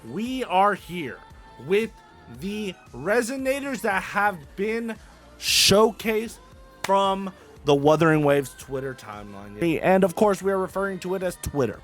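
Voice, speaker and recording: A young man riffs through casual gaming commentary in a high voice that swings widely in pitch. He is hyped and playful, leans on slang and keeps repeating catchphrases. Soft music plays under him. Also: expressive, a little slow. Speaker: gaming YouTuber host.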